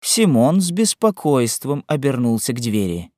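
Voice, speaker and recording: A man's voice: medium pitch, no echo, clean studio sound. A man giving a scripted narration of a classic novel as an audiobook narrator. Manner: expressive, unhurried.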